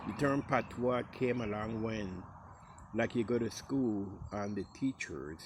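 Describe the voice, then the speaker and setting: Telling a casual story in a relaxed way, this Costa Rican man from the Caribbean coast speaks with that region's English accent and a creaky voice. He voices the quoted lines in a higher register. Slight background noise is present.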